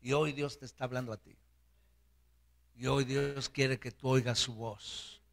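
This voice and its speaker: A man's voice: mid-range voice, level tone, measured pace, gravelly. A man preaching a sermon as pastor, acting out biblical voices and speaking straight to his congregation.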